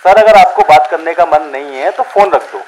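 A man's voice: fairly high pitch, lively intonation, moderate pace, a little mellow, poor audio. A man playing a company caller in a scripted comedy phone skit, polite and exasperated.

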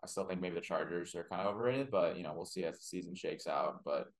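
A man co-hosting a casual sports betting podcast with a very deep voice. He talks quickly in a laid-back way, full of fillers and hedges. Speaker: podcast co-host.

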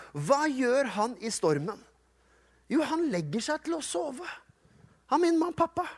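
Man, high voice, pastor preaching, lively and humorous, acts out quotes. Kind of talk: sermon.

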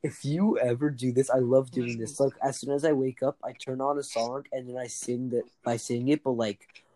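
A man's voice: mid-range voice, steady tone, moderate pace, mellow, a little hiss or hum. A young man in casual podcast banter, teasing and often repeating himself as he talks. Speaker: podcast co-host.

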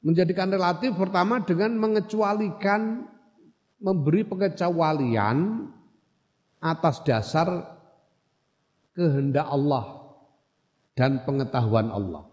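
A man's voice: on the high side, expressive, takes it slowly, pauses often, darkish tone. Man teaching in a reverberant hall. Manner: reads Arabic text, glosses it in Javanese, then explains in Indonesian; checks in with listeners with short questions. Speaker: religious teacher. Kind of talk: classical text study lesson.

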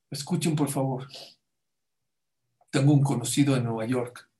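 A man's voice: medium pitch, dark tone. A man teaching a religious class, telling a story conversationally and addressing the audience directly.

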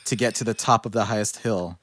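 A man's voice: fairly low pitch, fairly even intonation, quick pace, fairly bright tone, no room sound, studio quality. A man co-hosting a podcast, discussing films casually with tongue-in-cheek banter. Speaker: podcast co-host.

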